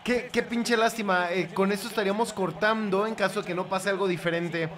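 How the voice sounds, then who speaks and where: A young man with a Mexican accent talks through a live football match for his channel. His voice sits high and bright, with a sharp forward edge. He curses freely and bursts into shouts at the screen. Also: fairly quick. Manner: profane, excitable, shouts at the screen. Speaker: football fan reaction host.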